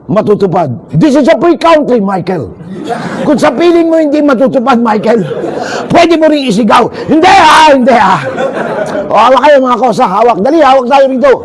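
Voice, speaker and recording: A man giving an energetic, joking seminar talk to overseas workers, calling out to listeners and leading shouted chants. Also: very high voice, moderate pace, crowd noise.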